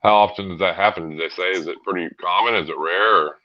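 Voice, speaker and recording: An American man with a deep voice talks fast, chatting casually as a livestream host in a folksy, loose manner. The livestream audio sounds slightly dull.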